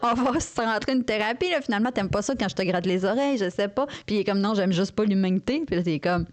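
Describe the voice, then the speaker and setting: A woman's voice: medium pitch, fast talker. Woman, Québécois French accent, podcast co-host, casual rambling chat, playful. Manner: rambling, playful, circles back on her thoughts.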